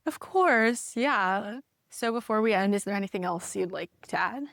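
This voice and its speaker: Young female student host, casual and chatty, some vocal fry, dry sound. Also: mid-range voice, lively intonation, moderate pace, fairly bright tone, dry recording. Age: young adult. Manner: casual, many "like"s. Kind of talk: interview questions.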